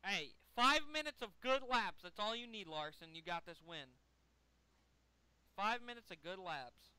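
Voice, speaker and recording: An excitable young man hosts a live race reaction, cursing and begging the drivers on. His voice sits high and very bright, swinging widely in pitch. It stays clear and clean throughout. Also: a little slow, dry recording. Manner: excitable, swearing, pleading with drivers. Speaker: channel host reacting to a race.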